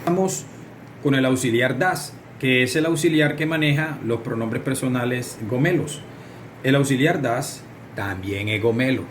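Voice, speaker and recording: A man's voice: medium pitch, a little slow, slight background noise. A man, teaching a recorded English lesson and explaining directly to his students.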